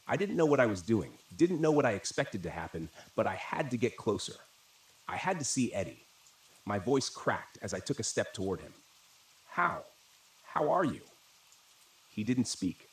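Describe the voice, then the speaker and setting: A man narrating a first-person horror story in a steady, dramatic, scripted manner. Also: lowish voice. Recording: roomy echo.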